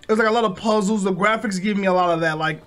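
A man's voice: sits high, fast, a bit bright. A young man giving joking, slangy commentary on a horror game he is playing. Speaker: gaming YouTuber. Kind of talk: let's play commentary.

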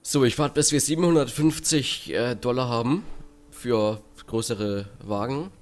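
A man's voice: medium pitch, a little slow. A man giving casual let's play commentary with sarcastic, dry asides. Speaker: let's player.

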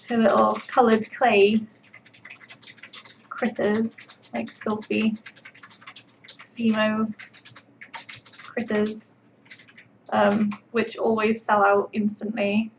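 A woman sculptor talks through a livestream while painting, her voice gravelly with vocal fry. She rambles in an even, flat tone with lots of fillers. The audio is dull and lo-fi, with faint noise underneath. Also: medium pitch. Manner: chatty, rambling, full of fillers.

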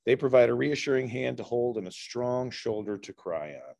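Middle-aged man telling dad jokes, lively intonation. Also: medium pitch, moderate pace, gravelly. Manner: telling dad jokes with setups, punchlines and chuckles. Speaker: speaker at a public speaking club. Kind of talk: humorous prepared speech, telling dad jokes. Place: large indoor meeting room with low ceiling.

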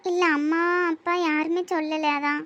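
A woman's voice: high-pitched, flat delivery, moderate pace, a bit bright, no echo, dull audio. A woman voicing a shy young village bride-to-be who gives hesitant, short replies in a Tirunelveli accent, for a comedy cartoon. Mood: timid. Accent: Tirunelveli Tamil. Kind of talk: cartoon voice acting.

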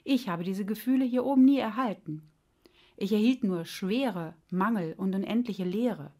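A woman voicing a wise, patient heart that explains things gently and sometimes grumbles. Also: mid-range voice, animated, unhurried. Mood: scolding.

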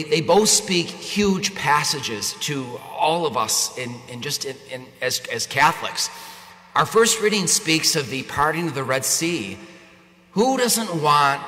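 A man's voice rings through a church with long cathedral echo. He is a priest, bright and slightly high in tone, delivering scripture and homily in a measured, solemn way. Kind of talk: gospel reading and homily. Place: inside a church, at the lectern. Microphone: lectern gooseneck microphone.

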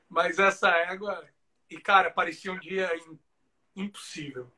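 A man's voice: sits high, steady tone, takes it slowly, sharp tone. A man, a show jumping rider, telling stories in a casual live interview, chatty and full of fillers like "cara". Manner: chatty, fills talk with "cara" and "né".

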